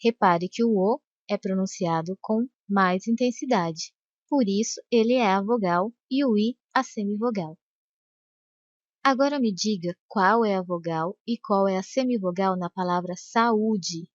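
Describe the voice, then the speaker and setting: A woman teaching a grammar lesson, speaking slowly and carefully and stretching out the sample words. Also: mid-range voice, dry recording. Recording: dry, dull lo-fi voice-over.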